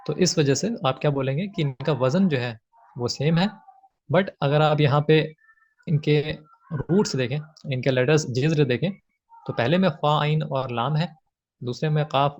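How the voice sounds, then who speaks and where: A man teaching grammar from slides, patiently repeating his points with frequent fillers. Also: medium pitch. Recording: slightly dull lo-fi audio.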